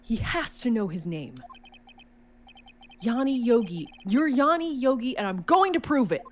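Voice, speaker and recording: A woman's voice: on the high side, expressive, a little slow, a little hiss or hum. A woman chatting casually as co-host of a video game playthrough. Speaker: let's play co-host. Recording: music behind.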